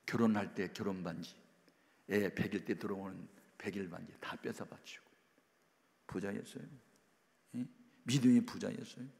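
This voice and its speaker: A male pastor telling a story in a sermon, lively and acting out the people in it, in a church. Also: low-pitched, moderate pace, creaky, long pauses. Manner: animated, acts out the people in his story. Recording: long hall reverb.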